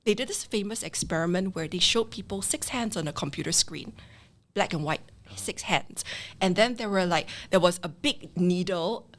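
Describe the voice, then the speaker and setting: A woman with a Singaporean English accent, a leadership expert guest on a podcast, explaining with lively acted-out quotes. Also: fairly low pitch, moderate pace. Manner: animated, acts out quoted people. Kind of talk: podcast interview.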